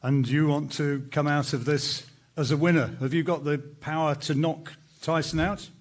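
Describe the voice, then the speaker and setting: Fairly high-pitched male interviewer. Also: steady tone, normal speed. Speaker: reporter putting questions. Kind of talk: press conference questioning.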